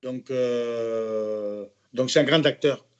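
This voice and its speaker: A man who is an actor and interview guest, telling anecdotes in a lively way, with many restarts and bits of English mixed in. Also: medium pitch, slow, clean tone, lo-fi sound. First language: Catalan. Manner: animated storyteller, many restarts, mixes in English phrases.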